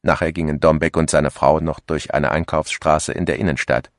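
Deep-voiced male audiobook narrator. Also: dry recording, studio quality. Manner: calm, measured storytelling. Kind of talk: scripted literary narration.

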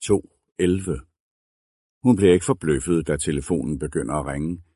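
A man reading a novel aloud as a narrator, in a measured, deliberate way. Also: rumbling low, mellow, breathy edge, no room sound, clean studio sound. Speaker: audiobook narrator. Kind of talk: scripted narration.

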